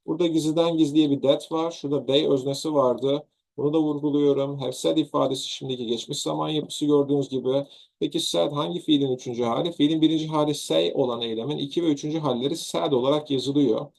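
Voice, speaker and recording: A Turkish man teaches English grammar to exam students in a video lesson. His voice sits a little high with a gravelly edge. He works slowly through examples, repeating and rephrasing them. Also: fairly even intonation, darkish tone.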